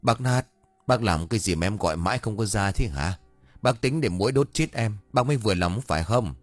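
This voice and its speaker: A man's voice: medium pitch, animated, a little fast, dry recording, soft background music, voice pushed up, lightly acted. A man voicing a cheeky, greedy young man who whines and complains. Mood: whiny cheeky. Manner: whining, complaining, mocking.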